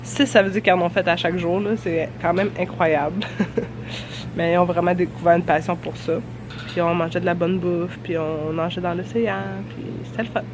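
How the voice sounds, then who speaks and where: Her voice runs on the low side, with fairly even intonation at a normal speed. The young Québécois-accented vlogger, congested from a cold, chats casually and laughs frequently for her travel vlog. It's shot outside on a handheld camera amid traffic noise.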